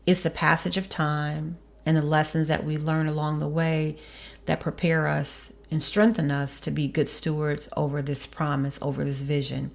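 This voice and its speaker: A woman hosting a faith podcast, speaking in an earnest, measured, preacherly way. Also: deep voice, creaky. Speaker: podcast host. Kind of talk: reflective faith podcast monologue.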